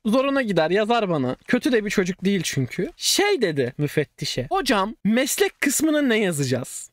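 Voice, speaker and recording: A male streamer telling a school story in casual slang at home, animated and swinging between loud bursts and muttered asides. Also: high voice, no echo. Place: at home, cat at his feet.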